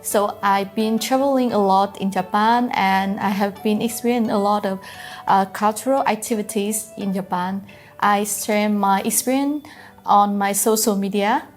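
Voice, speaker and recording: A woman's voice: mid-range voice, fairly even intonation, normal speed, faint music behind. A woman from Vietnam, an influencer guest introducing herself eagerly. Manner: eager, friendly. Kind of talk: self-introduction.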